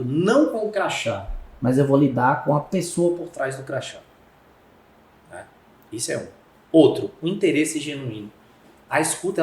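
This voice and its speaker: Animated Brazilian man telling stories. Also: fairly high pitch, reverberant. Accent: Brazilian Portuguese. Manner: animated storyteller acting out quoted dialogue. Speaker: guest, communication speaker. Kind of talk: conversational podcast interview.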